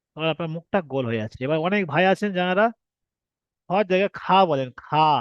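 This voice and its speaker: A man's voice: high voice, clean tone, no echo, muffled recording. Man patiently teaching alphabet pronunciation. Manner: patient, repetitive explaining with rhetorical questions. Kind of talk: online recorded class lesson.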